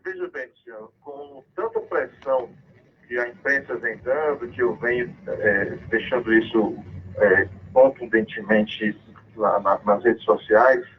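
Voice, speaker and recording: A man's voice: medium pitch, lively intonation, measured pace. A man Brazil's Northeast calling into a radio show on a crackly, cutting-out phone line, speaking in an emphatic, accusatory and defiant way. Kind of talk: impassioned phone-in denunciation.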